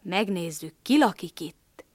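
A woman voicing a steady, encouraging old male donkey in a storybook reading, coaxing and reassuring. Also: fairly low pitch, no echo.

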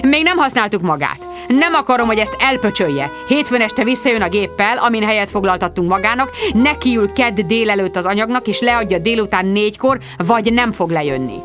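A woman voicing a bossy, gruff male newspaper editor who speaks in curt commands. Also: medium pitch, lively intonation, few pauses, over music, natural voice.

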